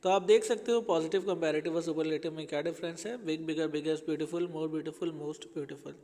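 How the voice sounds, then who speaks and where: High-voiced man teaching English grammar. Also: fairly even intonation, fast, darkish tone, long reverb tail. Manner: explains patiently, addresses pupils as children. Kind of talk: classroom grammar lesson.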